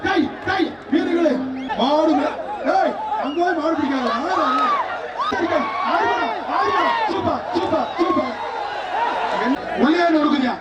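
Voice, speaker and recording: Over a loudspeaker at an outdoor bull-taming arena, a man shouts live event commentary, repeating short calls a little slowly. His voice is very high with huge pitch swings. The sound is distant, echoey and dull, set against loud cheering and crowd noise.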